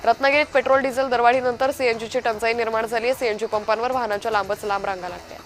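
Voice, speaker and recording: Brief: woman news anchor, rapid headline bulletin, raised pitch, faint music bed. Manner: brisk, even headline delivery. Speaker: news reader. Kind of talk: fast news bulletin reading.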